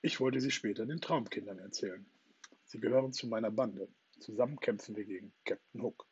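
A husky man voicing a boastful, playful boy in a storybook reading, talking in a lively, triumphant way, on a dull lo-fi recording. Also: on the low side, a little fast. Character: boastful playful boy who never grows up.

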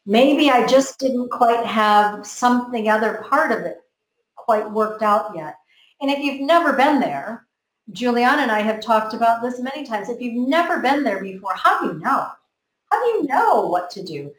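An American woman speaks earnestly in a motivational group chat, often repeating words as she works through her thoughts. Her voice is fairly high and expressive at normal speed, and the recording has a roomy echo.

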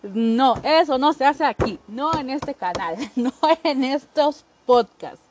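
A Mexican woman hosting a podcast, joking casually and acting out coworkers in quick impressions. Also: high-pitched, expressive, noisy background. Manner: chatty, jokey, acts out coworkers in quick impressions. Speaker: podcast host. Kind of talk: casual comedic monologue.

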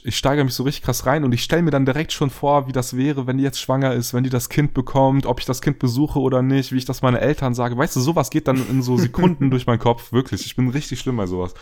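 Fast-talking young man rambling casually. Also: mid-range voice, a little mellow. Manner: rambling, heavy slang and fillers, addresses listeners directly. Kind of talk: casual storytelling chat.

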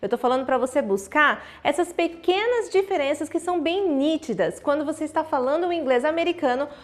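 Woman, Brazilian Portuguese accent, English teacher, lively direct delivery, demonstrates English words, high-pitched. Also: a little fast. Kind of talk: online video lesson with tips.

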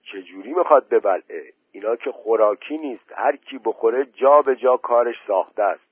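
A man's voice: medium pitch, husky, no echo, lightly acted. A man voicing a curious village man who keeps asking questions. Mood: questioning. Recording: tinny phone-like voice message.

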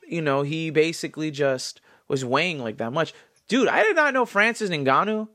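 A man in his twenties, congested, talking in a rambling, animated style full of fillers as a solo podcast host. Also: high-pitched. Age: 20s. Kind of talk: casual solo commentary.

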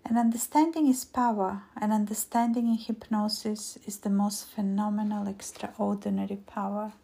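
A woman hypnotist guiding a hypnosis induction in a slow, soothing, repetitive voice, breathy and often trailing into a whisper. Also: mid-range voice, fairly even intonation, dark tone. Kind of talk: guided weight-loss hypnosis induction.

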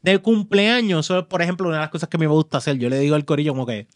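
A man's voice: fairly high pitch, rapid-fire, no echo, studio quality. A Puerto Rican man hosting a casual podcast chat, loose and slangy, often talking over the others. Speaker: podcast host.

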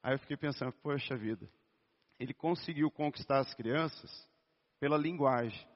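A man, a physical education teacher, preaching a sermon in a conversational, storytelling way with a naturally hoarse voice. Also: fairly high pitch, moderate pace. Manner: storytelling, conversational, addresses listeners as brothers. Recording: dull sound with long reverb in a hall.

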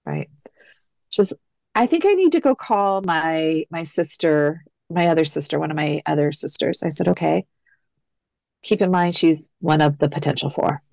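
Low, gravelly woman telling her story. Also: lively intonation, moderate pace, a little mellow, no room sound. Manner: reflective, retells phone calls with quoted dialogue. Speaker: adoptee guest. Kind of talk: casual interview storytelling.

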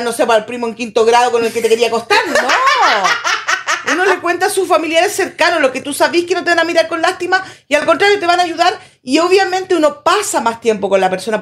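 Chilean podcast co-host, young woman, blunt and slangy, high voice, rapid-fire talk. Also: fairly bright tone. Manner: blunt, emphatic advice-giving with slang. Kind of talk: casual chat.

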